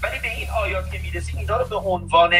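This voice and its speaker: A man's voice: high voice, fairly bright tone, distant mic, slight background noise, poor audio. A man hosting a conversation, talking emphatically in a preachy way and reciting scripture.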